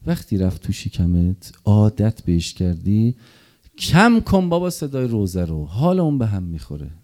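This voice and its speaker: A middle-aged man giving an impassioned mourning sermon, dropping to murmurs and rising to loud cries. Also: on the low side, sing-song. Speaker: religious eulogist.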